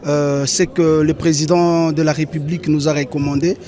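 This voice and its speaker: A man's voice: on the high side, little pitch movement, normal speed, mellow. A young man, urging his peers during an interview.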